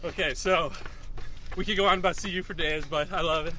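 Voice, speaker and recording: A man's voice: on the high side, fairly even intonation, a little fast, sharp tone. A young adult man hosting a casual, slangy interview while running outdoors. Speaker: interviewer, host. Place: moving along an open dirt road outdoors. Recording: faint outdoor road noise.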